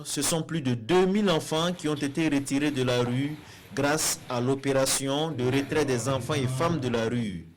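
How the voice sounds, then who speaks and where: Man reading a news report. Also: medium pitch. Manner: measured, formal delivery.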